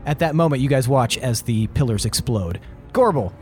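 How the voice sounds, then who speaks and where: A man narrating a tabletop role-playing game as game master, laying out scenes in deliberate, suspenseful short phrases. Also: mid-range voice, expressive, darkish tone, faint music behind.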